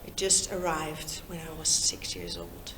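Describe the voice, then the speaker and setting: A woman in her fifties whose first language is Dutch speaks to a group of youths in a Lusaka meeting room, informal and chatty, drawing them in with questions. Her low voice is sing-song, slow and warm, recorded with reverb against a noisy background.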